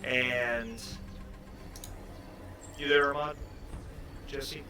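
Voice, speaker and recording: Male game master, mid-range voice, improvised narration, halting, conversational. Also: mid-range voice, steady tone, over music. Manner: halting, searching for words, conversational.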